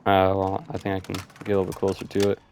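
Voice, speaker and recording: A man's voice: sits low, completely flat delivery, fast talker, heavy background noise. A man giving casual, rambling gameplay commentary, thinking aloud with lots of fillers. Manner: rambling, loose, with frequent fillers like "and stuff".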